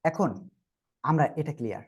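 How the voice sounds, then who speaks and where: Leading an online group class, a Quran teacher patiently sounds out letters slowly and asks everyone to repeat together. The voice is mid-range and husky, with vocal fry.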